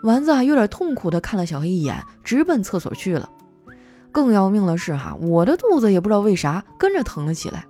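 Animated chatty woman telling funny stories. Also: mid-range voice, brisk. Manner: chatty, playful, acts out quoted coworkers. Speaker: host. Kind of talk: comic storytelling monologue. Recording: faint background music.

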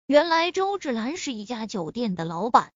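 A woman narrating a web novel aloud with expressive storytelling, with a slightly muffled lo-fi sound. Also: on the high side, normal speed, dry recording. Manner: expressive storytelling, acts out the characters.

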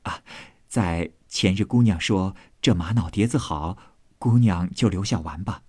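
Xiren, a man doing a calm senior maid. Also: sits low, unhurried, husky, no echo, studio quality, voice pushed down. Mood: calm instruction. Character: composed senior maid, motherly and practical.

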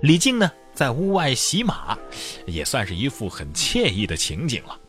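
A man telling an old tale in a lively, colloquial way, with playful asides. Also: medium pitch, normal speed, soft background music. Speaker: storyteller. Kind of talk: animated oral storytelling.

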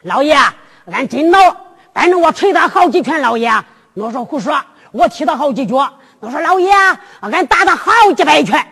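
A drum-ballad storyteller playing a crowd of boastful male yamen runners with a Henan accent, chattering in a rustic, quick-fire way. The voice is high and bright, ringing in a reverberant hall. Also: expressive.

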